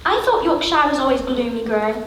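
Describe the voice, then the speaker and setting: A woman's voice: high-pitched, expressive, brisk, a little hiss or hum. A woman playing a lonely, sulky young girl with a wistful way of talking, in a live stage play. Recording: echoey theater, mic far off.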